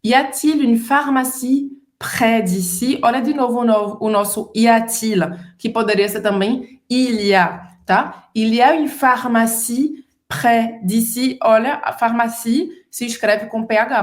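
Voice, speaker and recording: Brazilian woman explaining French pronunciation. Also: a little high. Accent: Brazilian Portuguese. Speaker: French teacher. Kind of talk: casual bilingual language lesson.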